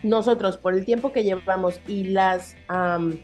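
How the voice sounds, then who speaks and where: A woman's voice: mid-range voice, steady tone, measured pace, darkish tone, soft background music. A woman with a Mexican accent, co-hosting a podcast with heated, profane, emphatic commentary. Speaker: podcast co-host.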